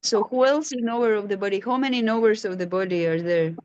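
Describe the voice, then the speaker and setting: Over a video call, a woman facilitates a scripture class online, questioning her students patiently. She talks quickly in a mid-range, darkish, clean voice without echo, though the call audio is dull and lo-fi.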